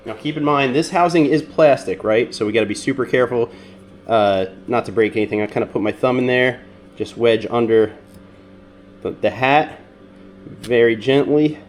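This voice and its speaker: Man, nasal and stuffed-up, relaxed how-to talk, middle pitch, faint background hum. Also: moderate pace. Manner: relaxed, step-by-step, with frequent ums and uhs. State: sick, congested. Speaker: mechanic demonstrating a repair. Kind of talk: casual how-to demonstration.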